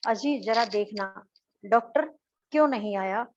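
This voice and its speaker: A woman's voice: medium pitch, a little slow, lo-fi sound, a little hiss or hum, close to an everyday voice. A woman teacher reads out the lines of a worried, tender mother of a sick boy. She soothes her son and pleads with her husband.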